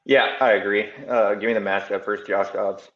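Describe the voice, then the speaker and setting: A man joining a fantasy football chat over a video call, relaxed and full of ums. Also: lowish voice, normal speed. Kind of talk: casual sports advice chat. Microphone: remote video call. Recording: dull roomy video call audio.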